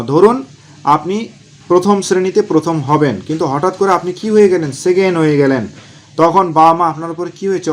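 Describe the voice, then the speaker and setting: A man teaching exam vocabulary, asking questions and answering them himself, repeating key words slowly. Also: fairly high pitch. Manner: asks and answers his own questions, drills words slowly. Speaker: exam prep tutor. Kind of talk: vocabulary lesson.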